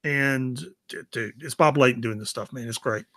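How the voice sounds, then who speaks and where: A man's voice: medium pitch, moderate pace, pushed and bright, no echo. A man co-hosting a comic book podcast, talking casually and with enthusiasm about back issues. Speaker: podcast co-host.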